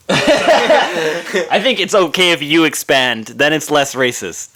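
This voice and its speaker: A man's voice: on the high side, lively intonation, slow, background noise. A man hosting a casual podcast chat among friends, joking and teasing, laughing often. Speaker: podcast host.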